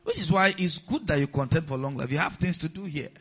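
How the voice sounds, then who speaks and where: A pastor preaches a sermon in a slightly high, expressive voice, moving at a quick pace with a fairly bright, breathy tone. He repeats key lines and calls out to the congregation to check in with them. The recording sounds dull and lo-fi.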